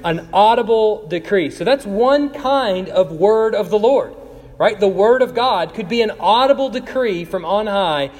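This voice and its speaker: A man teaching a Bible class, chatty and laughing often as he calls on students by name. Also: sits high. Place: large room with a class. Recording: echoey hall with long reverb.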